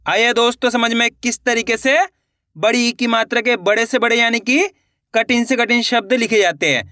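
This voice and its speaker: A man's voice: very high voice, moderate pace, sharp tone, no room sound, clean studio sound. A man teaching Hindi spelling, sounding words out syllable by syllable, repeating each word and asking his viewers questions. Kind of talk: slow, syllable-by-syllable spelling lesson.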